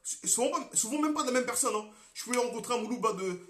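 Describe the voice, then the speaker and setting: A young Congolese man, a political activist, talking on a live stream with passion, repeating himself and swinging between loud and quiet. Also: very high-pitched, quick pace, roomy sound, a little hiss or hum. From Congo (DRC). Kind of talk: monologue on a Facebook live stream.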